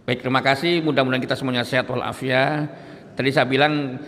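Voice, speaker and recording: A man's voice: medium pitch, little pitch movement, fast, a bit bright. A man preaching a casual religious lecture in a mosque, telling stories with laughter and talking straight to the congregation. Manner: chatty storyteller who laughs and addresses the audience directly. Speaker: Islamic preacher. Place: mosque hall. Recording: echoey mosque hall.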